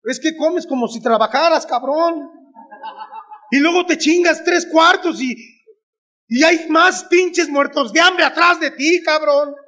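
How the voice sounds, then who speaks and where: A man with a Mexican accent telling a crude comic story to an audience, swearing constantly, with shouted bursts and acted-out lines from his mother. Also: very high-pitched, a little slow. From Guanajuato, Mexico.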